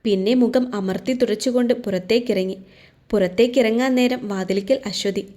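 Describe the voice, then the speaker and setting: A woman narrating a romance story in a measured, scripted reading. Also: mid-range voice, dark tone.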